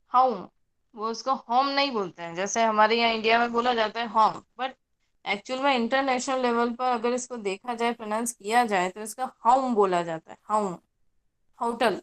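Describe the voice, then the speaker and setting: A woman's voice: a little high, fairly bright tone, clear, resonant tone. A woman teacher giving an online class lecture, patiently explaining and checking in with her students.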